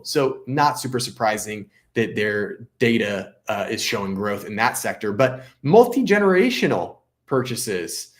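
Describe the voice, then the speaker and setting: A man who works as a realtor hosts a casual live stream in a medium-pitched voice. He's chatty, often restarting sentences and tossing in sarcastic asides.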